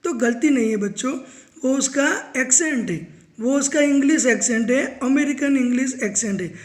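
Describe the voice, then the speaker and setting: An Indian man with a high voice teaches an explanatory spoken-English lesson at a moderate pace. He speaks straight to his students, blending English phrases into his Hindi.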